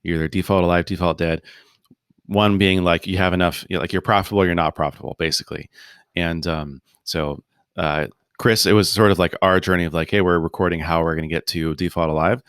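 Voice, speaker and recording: Low-voiced man, loose and rambling. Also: a little fast, smooth, dry recording, clean studio sound. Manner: relaxed, rambling, many fillers and restarts. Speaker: podcast guest, founder. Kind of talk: casual interview conversation. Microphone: video call.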